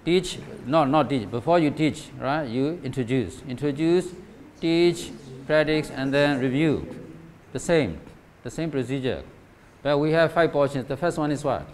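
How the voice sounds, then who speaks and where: Male teacher trainer from Myanmar, measured deliberate delivery, constant rhetorical check-ins, faint hiss behind. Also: a little high, lively intonation, darkish tone. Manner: rhetorical questions, repeats "right?" and "okay?". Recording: faint background noise.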